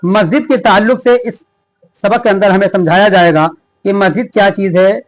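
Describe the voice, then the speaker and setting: High-voiced man teaching a reading lesson. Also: fairly even intonation, poor audio. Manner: reads text slowly, then explains quickly. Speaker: religious teacher. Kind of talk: reading lesson aloud with explanations.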